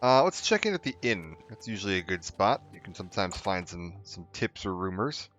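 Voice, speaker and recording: Rambling streamer man, low dull voice. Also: expressive, brisk, a bit bright, soft background music. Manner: rambling, chatty, frequent fillers and restarts. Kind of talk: casual let's-play commentary.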